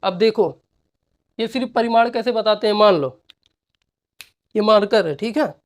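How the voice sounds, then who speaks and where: A woman's voice: medium pitch, moderate pace. Patient woman physics teacher, repetitive lecture. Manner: repetitive, checks understanding with "ठीक है". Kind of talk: classroom lecture with board work.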